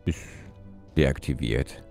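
A man putting on a disguised deep voice to play a taunting male tower villain in a game. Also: slow, creaky, darkish tone, soft background music, heavily acted.

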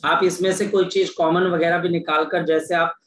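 Casting note: male physics tutor, high voice, coaxing and repetitive, faint background hiss. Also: level tone, moderate pace, a bit bright. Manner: calls students "बच्चे", coaxing and repetitive. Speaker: physics teacher. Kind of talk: online class lecture. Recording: echoey room with faint ambient noise.

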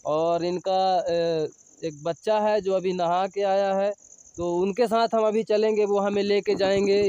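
A travel vlogger in his thirties chats with viewers while hiking through a village and along a forest trail outdoors, filming himself on a handheld phone held at arm's length. His voice is high-pitched yet dark in tone, smooth, with no echo.

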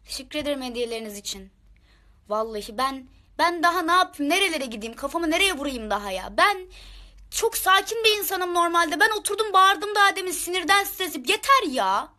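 A woman's voice: very high voice, lively intonation, brisk, pushed and bright. A woman ranting angrily to her viewers in a live stream, exasperated and shaking with anger, firing the same questions again and again. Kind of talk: angry live-stream rant.

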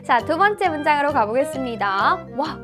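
A woman's voice: high-pitched, very animated, moderate pace, over music. A young woman teaching children English phonics in a cheerful, sing-song way, talking straight to the kids.

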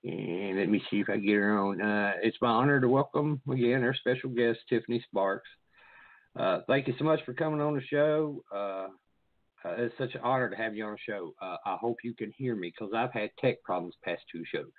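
A man's voice: fairly low pitch, a little fast, no echo. A man hosting a casual interview podcast, swearing freely and stumbling through restarts. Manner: profane, rambling, stumbling restarts. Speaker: podcast host. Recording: tinny phone-like dry sound.

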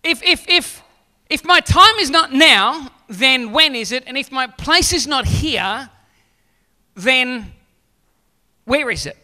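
A man's voice: very high voice, expressive, takes it slowly, bright, forceful tone. A man in his forties, a pastor preaching a sermon on a church stage into a handheld mic, joking with the audience and then pressing questions. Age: 40s.

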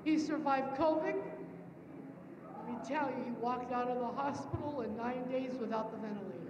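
A woman's voice: high-pitched, moderate pace. A middle-aged woman giving an emotional, heartfelt thank-you speech and telling a story as a mother. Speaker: award recipient's mother. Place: banquet hall stage, indoors. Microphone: handheld microphone through PA. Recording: distant echoey hall, muffled, noisy.

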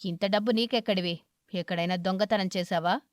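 Woman doing loud, harsh crow husband, short-tempered, cartoon tale. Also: mid-range voice, fairly even intonation, a little fast, no room sound, clean studio sound, pitched below the performer's own voice, lightly acted. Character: hot-tempered male crow husband, scolding.

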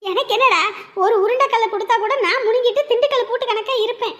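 A woman voicing a loud, quarrelsome older village mother in a cartoon who wails and scolds her son. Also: fast talker. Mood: scolding. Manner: shrill, quarrelsome, wailing. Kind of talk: cartoon voice acting.

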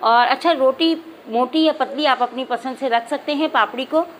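A woman with a high, clear voice walks viewers through a home recipe step by step. She talks in a calm, instructive way and keeps addressing her audience directly. A faint hiss of noise sits under the recording. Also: moderate pace, poor audio. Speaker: cooking channel host. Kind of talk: step-by-step cooking demonstration. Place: home kitchen.

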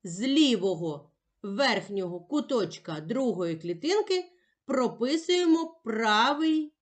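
A woman teaching young children in a patient, emphatic way, sounding out each letter slowly. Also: fairly high pitch, big pitch swings. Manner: patient, sing-song and emphatic, spelling out sounds one by one. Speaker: primary school teacher. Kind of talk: slow, clear classroom instruction for young children.

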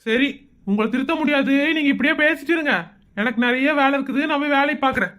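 A teasing unmarried neighbor in her late thirties, voiced by a woman for a cartoon comedy. Her voice sits high and she talks fast. She needles everyone in quick, cheeky banter. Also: a bit bright. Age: 30s. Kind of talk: animated comedy voice acting.

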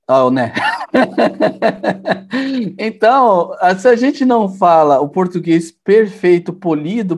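A man from Brazil hosting a live programming show, telling stories in a chatty, casual way. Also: high-pitched. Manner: chatty storytelling with lively asides. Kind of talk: casual live-stream talk.

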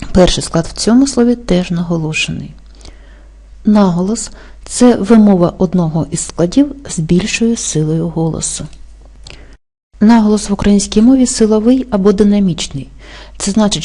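A woman teaching an exam-prep language lesson, explaining rules slowly and carefully and spelling out example words. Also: mid-range voice, dark tone. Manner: slow, careful dictation-like delivery.

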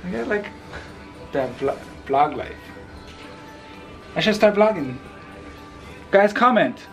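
Teasing young man, high voice. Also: expressive, slow, vocal fry, soft background music. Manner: teasing, offhand. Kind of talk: casual vlog chat.

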